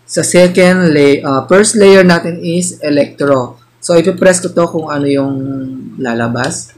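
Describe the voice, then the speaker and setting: A man explains audio gear setup one step at a time, speaking slowly in a somewhat high voice. Steady hiss and room noise sit under his voice in this home recording. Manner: unhurried, explains each step while plugging in cables. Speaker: tutorial host. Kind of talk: step-by-step tech demonstration.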